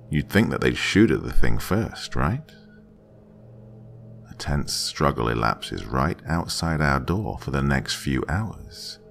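Deep and gravelly, a man's voice carries a scripted horror story at a slow, dramatic pace. He hushes to a whisper as tension builds.

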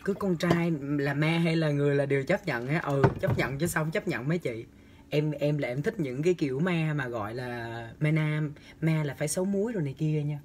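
A young man hosts a casual livestream in a small indoor room, reading and answering comments in a campy, teasing, chatty way with lively, exaggerated gestures. His voice is a little high and a little fast. He's recorded on a phone camera held at arm's length, with some slight hiss or hum.

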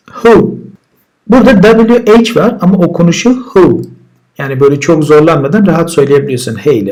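Male teacher, slightly higher voice, repeats each word and then explains it calmly. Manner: relaxed explaining, with repeated words and translations. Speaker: English teacher. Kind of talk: vocabulary lesson.

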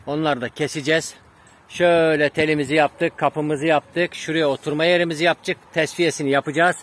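A man's voice: on the high side, fairly even intonation, brisk. A man, a pigeon breeder, chatting casually to his viewers from his garden and calling out to his dogs now and then. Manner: chatty, addresses viewers as friends, shouts dog commands. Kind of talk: casual vlog talk to viewers.

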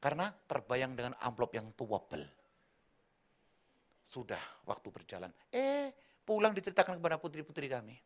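A middle-aged man preaching a sermon as pastor, with a slight tinge, telling a humorous testimony in an animated, joking way. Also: medium pitch, moderate pace, long pauses. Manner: animated storytelling, jokes, mimics his wife and daughters.

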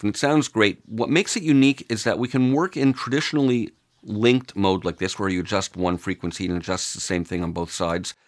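A man presenting a screen-recorded audio software tutorial, explaining each control in a steady, walkthrough manner. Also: lowish voice.

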